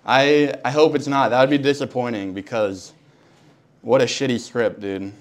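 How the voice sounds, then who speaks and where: A man's voice: mid-range voice, steady tone, moderate pace. A young man in his twenties vlogging from a bar and then from his parked car, chatting casually and recapping crude jokes from his comedy set. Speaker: comedian vlogging an open mic night. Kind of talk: casual vlog chat. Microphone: handheld camera at arm's length.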